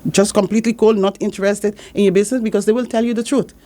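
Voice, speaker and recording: Her mid-range voice stays steady and mellow while she races through her interview answers. She is a Caribbean business support consultant from Saint Martin with a Dutch accent, earnestly advising and restating what matters most.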